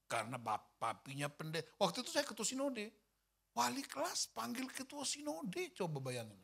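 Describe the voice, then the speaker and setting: A male pastor preaching a church sermon, telling a personal story in an animated way and acting out the dialogue. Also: high voice, moderate pace, gravelly, husky. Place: church service.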